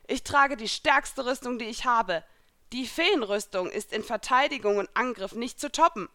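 A woman's voice: a little high, normal speed, sharp tone, no room sound, studio quality, pitched above the performer's own voice. A woman reading a fan story aloud and voicing a proud, stern young woman warrior in armor, with a scornful, commanding manner. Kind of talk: fan fiction audiobook reading.

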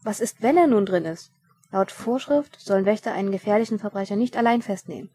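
A woman's voice: medium pitch, expressive, fairly quick, mellow, lightly acted. A woman voicing an earnest young watchman in a read-aloud story who cites the rules. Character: earnest, rule-minded young male watchman.

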